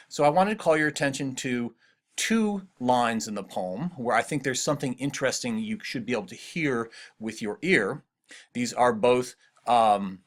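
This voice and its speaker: A middle-aged man talks through a poem for his class in a recorded lecture. His voice sits at a middle pitch, and he keeps putting open questions to his students. When he quotes the poem, he slows to a careful, deliberate reading. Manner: thoughtful, asks questions, slows to read poem lines aloud. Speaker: literature teacher.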